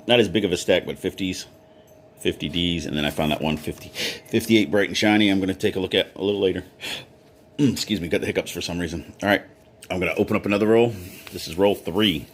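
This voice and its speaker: A man with a very deep voice chats easily in his hobby vlog while sorting coins, reading their dates aloud one after another. There's a slight hiss or hum in the recording.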